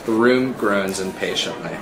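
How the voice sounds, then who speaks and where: In an unhurried, low voice, a man reads out screenplay stage directions with a crowd in the background. The space is echoey, and a film score plays under his narration.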